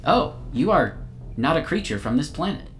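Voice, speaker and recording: A man voicing a small, glowing male AI construct that speaks in a calm, formal, overly literal way. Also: on the high side, normal speed, pitched above the performer's own voice. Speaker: game master. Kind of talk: tabletop game role-play.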